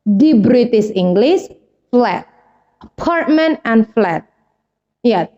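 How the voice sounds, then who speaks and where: A woman with a slightly high but warm, mellow voice gives a casual video lesson. She talks to her viewers in a chatty way and often asks a question and answers it herself. The recording sounds dull and lo-fi. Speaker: English teacher.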